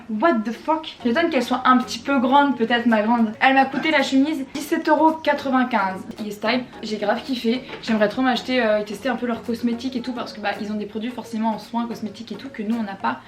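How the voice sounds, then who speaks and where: A young woman from France chatting casually about her shopping haul as a vlogger, slangy with quick asides. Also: on the high side. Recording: echoey room with faint music.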